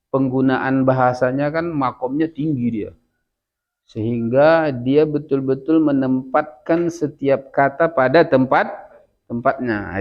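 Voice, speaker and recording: A man with an Indonesian accent teaches Arabic in a classroom style, drawing out words slowly for repetition before explaining in a relaxed, chatty way. His voice sits a little high. The recording is dull and lo-fi. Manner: drills words slowly for repetition, then explains casually with light laughs. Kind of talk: classroom language lesson.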